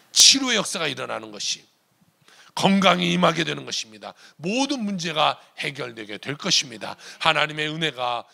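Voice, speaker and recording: A middle-aged male pastor preaching a sermon, telling a story with emphatic rises and sudden quiet drops. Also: a little high, gravelly.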